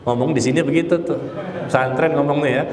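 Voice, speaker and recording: A man with a high voice gives a religious lecture, tossing playful rhetorical questions to his listeners. He sounds tired. His voice rings through a roomy hall with a long reverb and faint background noise. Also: fairly even intonation, quick pace, crowd noise. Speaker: Islamic religious teacher. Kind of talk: Islamic lecture answering audience questions.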